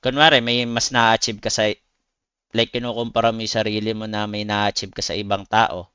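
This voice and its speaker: A Filipino-accented game streamer and esports competitor chats with livestream viewers at normal speed in a fairly low voice with little pitch movement, pushed and bright, clear and resonant. He talks bluntly with slang and swearing, calling people buddies. The recording has no room sound but is muffled.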